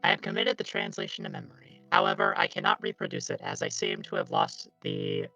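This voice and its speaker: A man's voice: sits high, fairly quick, sharp tone, muffled recording, soft background music. A man voicing a female robot construct through a robotic voice changer, speaking in stiff, formal, machine-like phrasing. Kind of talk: tabletop roleplay in character.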